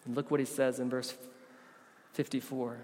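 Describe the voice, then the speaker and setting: A man preaching a sermon as a pastor, rising to loud emphatic stretches and dropping to soft, low asides. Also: flat delivery, moderate pace. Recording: long reverb of a large room.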